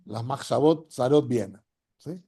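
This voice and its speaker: A man's voice: medium pitch, measured pace, mellow, husky. A man with a Rioplatense Spanish accent teaching a class as a rabbi. He talks in a conversational way, often checks in with "¿sí?", and acts out the inner voices he describes.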